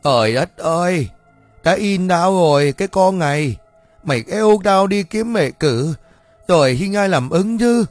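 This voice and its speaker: A man's voice: fairly high pitch, dry recording, faint music behind, pitched above the performer's own voice, natural voice. A man voicing an irritable old male shaman who stutters and stumbles over his words. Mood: furious. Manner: halting, loud, quick to flare up.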